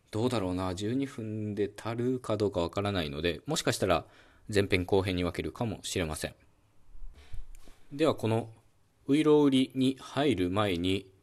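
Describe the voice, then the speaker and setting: A man hosting a solo educational podcast, calmly explaining phonetics with many fillers and demonstrating speech sounds aloud. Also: lowish voice. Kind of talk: calm solo educational talk.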